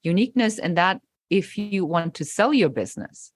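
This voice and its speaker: Low-voiced emphatic woman guest. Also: normal speed, no echo. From Germany. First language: German. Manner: emphatic, animated, acts out quoted remarks. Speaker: podcast guest, business coach. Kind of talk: interview conversation.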